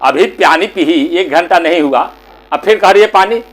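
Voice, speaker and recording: A man's voice: sits high, moderate pace, lightly acted. A man voicing an impatient grown son who scolds his old mother. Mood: angry. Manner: snappish, scolding, exasperated.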